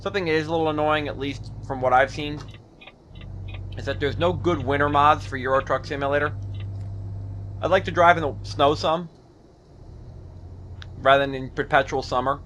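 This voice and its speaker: A man's voice: on the high side, fairly even intonation, moderate pace, pauses often, a bit bright, slight background noise. Jokey punning man voicing gameplay. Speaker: gaming video host. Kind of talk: casual let's play commentary.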